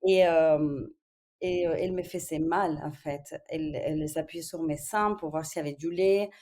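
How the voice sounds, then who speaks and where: A woman's voice: sits low, steady tone, normal speed, darkish tone. A woman from Spain in her thirties, speaking as a podcast guest in a casual interview, with frequent hesitations and fillers. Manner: hesitant, many fillers, thoughtful.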